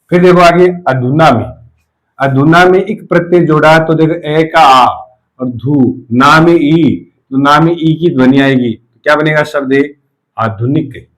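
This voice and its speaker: Higher-pitched Hindi teacher, slow and repetitive. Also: male voice, poor audio. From India. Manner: asks questions and answers them himself, repeating key words slowly. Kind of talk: spelling lesson for exam students.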